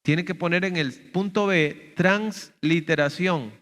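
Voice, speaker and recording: A man's voice: high-pitched, slow, a bit bright, big-room sound. A male pastor teaching a sermon, explaining step by step and often checking with "¿verdad?". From Costa Rica. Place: church sanctuary.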